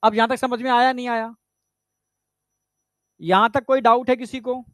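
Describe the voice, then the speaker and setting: Guy with a really high voice teaching biology, chatty, keeps asking if you get it, dry close lapel mic sound. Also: little pitch movement, moderate pace, fairly bright tone, no echo. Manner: chatty, repeats "theek hai" often, asks students if they follow. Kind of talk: online exam-prep lecture.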